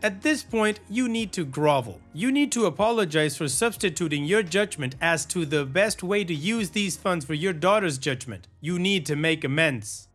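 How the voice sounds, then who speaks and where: A man's voice: on the high side, animated, moderate pace, few pauses, fairly bright tone, soft background music. A man hosting a podcast, reading posts aloud and giving blunt, opinionated commentary with some sarcasm. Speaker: podcast host.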